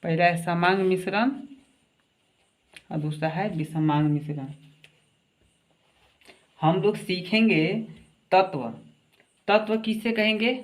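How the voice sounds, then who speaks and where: A man's voice: high-pitched, slow pace, pauses often. A man teaching a science class, asking short questions and answering them himself in a coaxing classroom way, an everyday delivery. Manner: asks questions and answers them himself, calls students "babu". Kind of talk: classroom lecture.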